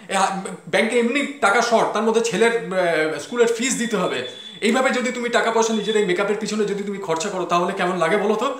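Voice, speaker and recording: An actor playing a flustered, penny-pinching office-going husband in a comedy sketch, calling out frantically and complaining indignantly. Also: male voice, high-pitched, a bit bright. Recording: echoey room.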